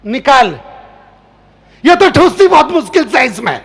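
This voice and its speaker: A man with a very high voice performs a comic story on stage at a poetry gathering. He tells it with animated energy, jumping between characters as he goes. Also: a little slow. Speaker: comic poet.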